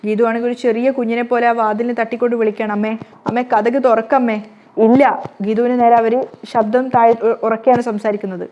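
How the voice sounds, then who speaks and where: A woman's voice: a little high, flat delivery, fast talker, highs cut off. Woman retelling a TV serial episode. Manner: unscripted retelling with restarts and self-corrections. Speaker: serial recap narrator.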